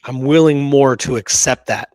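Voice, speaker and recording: Here the history podcast co-host has a medium-pitched, slightly mellow voice at a moderate pace, with no room sound. He talks emphatically and keeps checking in with "right?" during the casual discussion.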